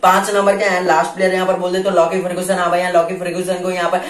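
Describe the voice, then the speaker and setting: An excitable young man hosts a casual cricket news vlog and rattles off updates at a quick clip. He talks straight to camera with his hands folded, from a bit back from the mic. The indoor room adds a hollow echo. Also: high-pitched, recorded from a distance. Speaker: cricket YouTuber. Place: indoor room with a plain backdrop.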